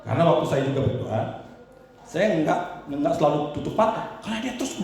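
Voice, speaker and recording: A man preaching a Sunday sermon as pastor, telling stories and swinging between loud exclamations and quiet asides. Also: on the high side, sing-song, fast talker, creaky. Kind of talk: Pentecostal sermon with storytelling. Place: church sanctuary. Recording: very echoey church hall.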